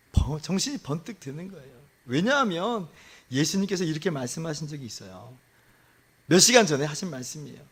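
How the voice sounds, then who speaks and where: Animated Korean pastor, high lively voice. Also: male voice. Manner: impassioned preaching with big swings between loud outbursts and soft low phrases; asks the congregation rhetorical questions. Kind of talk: sermon.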